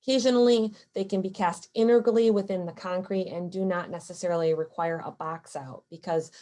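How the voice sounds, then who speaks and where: Woman, lowish voice, technical webinar presentation, explanatory with fillers. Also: steady tone, brisk, warm tone. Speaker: concrete paving presenter.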